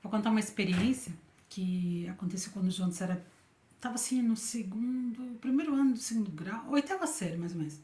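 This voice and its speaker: A woman's voice: mid-range voice, expressive, fairly quick, warm tone. A middle-aged Brazilian woman shares a personal faith story in a conversational way, often ending her phrases with a questioning tag. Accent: Brazilian Portuguese. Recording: roomy echoey room.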